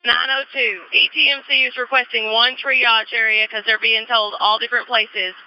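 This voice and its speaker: A woman's voice: on the high side, level tone, normal speed, dry recording. A woman police officer making clipped radio calls with radio codes, heard over a two-way police radio. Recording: muffled dry radio audio.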